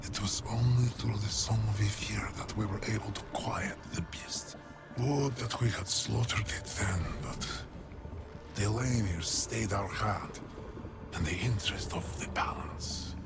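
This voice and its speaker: A male actor with a lowish, exaggerated voice plays an ancient forest elder corrupted by plague in a video game, delivering a dramatic lore monologue. His breathy, archaic speech is grave, weary and mournful, slow with long pauses and sinking toward whispers, solemn and regretful. Loud music plays under the voice.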